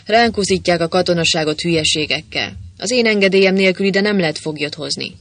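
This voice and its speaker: A grim, gray-haired gang boss, voiced by a male narrator. He bellows and grumbles his threats. Every line comes out gruff and loud. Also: high voice, dry recording.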